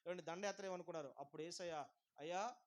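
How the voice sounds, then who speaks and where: Fast high-voiced preaching pastor. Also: male voice. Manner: preaching with rising shouted repetitions and calls for praise. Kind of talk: sermon.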